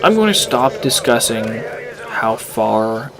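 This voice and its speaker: A man's voice: medium pitch, big pitch swings, slow pace. A teenage boy from California rambling casually while commentating his own gameplay. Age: teens. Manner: rambling, chatty, self-deprecating. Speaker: gaming channel host. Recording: game noise behind voice.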